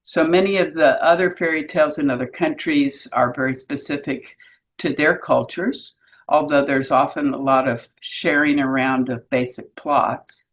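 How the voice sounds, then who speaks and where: Her voice sits low with fairly even intonation and a normal speed as she delivers a semi-scripted educational explainer. An author, workshop leader, and host of an educational video series, she teaches clearly with a faintly wry touch, though the highs in the audio are cut off.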